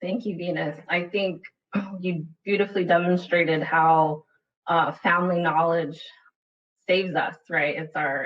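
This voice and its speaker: Earnest woman on a dull, distant line. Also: on the low side. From Utah, USA. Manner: earnest, reflective, adds "right?" tags. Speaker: panelist. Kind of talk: personal storytelling in a panel webinar. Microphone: video call computer mic. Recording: dull, distant webinar audio.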